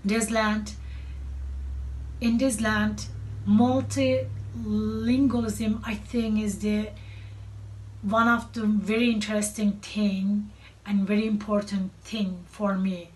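Her mid-range voice is darkish in tone and barely moves in pitch as this Turkish-accented middle-aged woman, a native Turkish speaker from Turkey, presents her art. Slow and halting, she often pauses to search for the right word. The setting is a cluttered studio, captured on a far camera mic with faint room noise.

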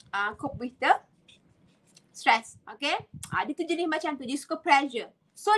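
A young Malaysian woman talking casually on a live stream. Her voice sits high and sounds bright and sharp. She chats easily, laughs between points and slips English phrases into her Malay. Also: low-quality recording. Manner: chatty, mixes English into Malay, laughs often. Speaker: HR live session host.

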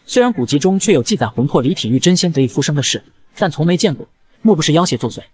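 A man voicing a stern, quick-tempered old sect elder who scolds gruffly, in a fast manga recap narration. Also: fairly high pitch, animated, a little mellow.

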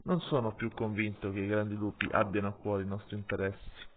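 A man voicing a stern, weary male wolf pack leader who speaks gravely and gives orders, in an audiobook with tinny sound. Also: on the low side, level tone, a little fast, background noise, lightly acted. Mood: resolute. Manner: grave, commanding.

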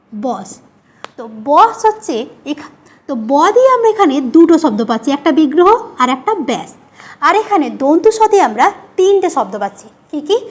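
A woman teaching an exam-prep grammar lesson, asking her students questions and answering them herself, repeating each key word slowly. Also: high-pitched. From West Bengal.

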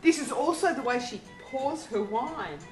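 A middle-aged woman chats casually as a kitchen co-host, playful, giggly and tipsy. Her high voice moves up and down a lot. The room echoes and music plays. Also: expressive, a little slow. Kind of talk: casual chat. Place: home kitchen, indoors. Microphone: camera a few steps away.

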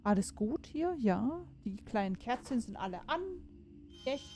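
A woman's voice: a little high, expressive, unhurried, noisy background. A woman giving casual let's-play commentary on a horror game, chatting to herself and viewers, cursing and exclaiming when something startles her. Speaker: gaming streamer.

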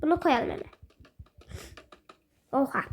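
High-voiced chatty woman gaming. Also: measured pace, creaky. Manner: chatty, self-mocking, exclaims at the game. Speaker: gaming video host. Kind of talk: casual let's-play commentary.

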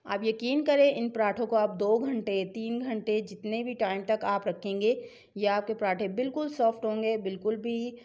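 A middle-aged woman with a Pakistani Urdu accent walks viewers through a home recipe step by step. Her voice sits a little high, and she keeps the tone chatty and encouraging as she urges them to try it. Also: moderate pace, darkish tone. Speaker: cooking channel host. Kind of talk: home cooking tutorial voice-over.

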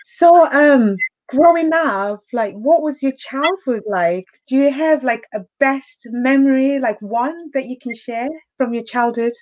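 A woman's voice: sits high, measured pace, few pauses, a little mellow, dull audio. A young woman hosting an online interview over a video call, asking questions and encouraging the guest. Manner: encouraging, frequent backchannel. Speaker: host. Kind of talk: interview host. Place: indoor room, video call. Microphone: video call webcam.

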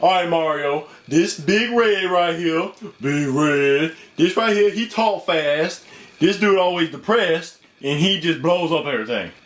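A man's voice: a little high, lively intonation, a little slow. A man voicing a laid-back male cartoon dinosaur who drawls street slang in a puppet comedy skit. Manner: drawling street slang, calls people folk.

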